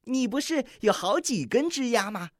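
A storybook reader voicing a cheerful little female finch in a high, coaxing voice. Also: sing-song, normal speed, no room sound, clean studio sound, lightly acted. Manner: chirpy, coaxing.

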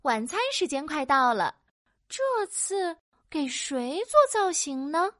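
Animated woman narrating a children's story. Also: sits high, slow, no room sound, clean studio sound. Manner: animated, playful, sound-effect words.

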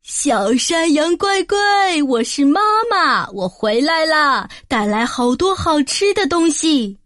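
A woman plays a sly big bad wolf from a children's storybook, stretching each word slowly as he coaxes. The voice sits high, and the recording is dry. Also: big pitch swings, fairly bright tone, no echo, exaggerated voice. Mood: coaxing. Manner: slow, drawn-out coaxing. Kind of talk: storybook narration.

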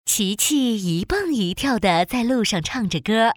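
A woman narrator reading a scripted children's story in an animated storytelling style. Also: fairly high pitch, measured pace, no echo, studio quality.

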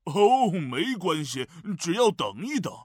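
Woman voicing a cheerful storybook dad, deepened voice, lively pitch, dry. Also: a little slow, slightly rough, no room sound, exaggerated voice. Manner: deep put-on voice, cheerful. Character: jolly father bear, calm and encouraging.

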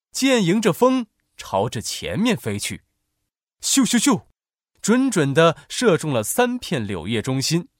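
A man narrating a children's story in an expressive, animated way. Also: on the high side, dry recording, clean studio sound.

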